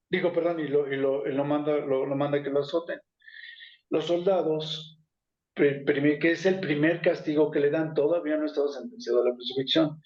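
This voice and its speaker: A man's voice: a little high, a little mellow. A man teaching an informal Bible study, talking conversationally with many fillers and self-corrections. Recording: echoey room, muffled lo-fi sound.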